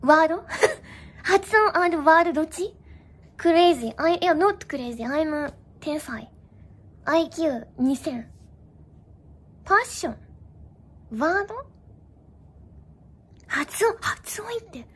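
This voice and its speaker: A young woman streamer chats casually with her viewers in a high, light voice. She is playful and giggly and keeps tossing in bits of English. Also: expressive, slow pace, pauses often. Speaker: live streamer.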